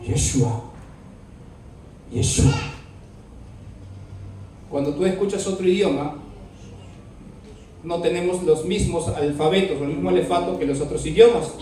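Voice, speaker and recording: A man's voice: a little high, moderate pace, dark tone, slight background noise. A man teaching a Bible class, asking his students questions and spelling words out letter by letter. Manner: asks the class questions often. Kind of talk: classroom lesson with dictation. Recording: very echoey room, mic far off, faint music.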